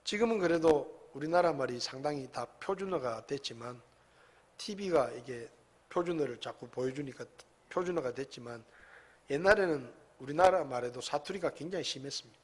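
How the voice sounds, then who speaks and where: A man preaching a sermon as pastor in a church sanctuary, talking conversationally, with big swings between loud and soft. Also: mid-range voice, lively intonation, moderate pace, breathy edge. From South Korea. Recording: long hall reverb.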